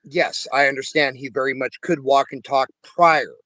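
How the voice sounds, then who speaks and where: A man hosting a live stream in casual chat, joking and rambling, with a quick wit. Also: mid-range voice, steady tone, pushed and bright, dry recording. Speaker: stream host.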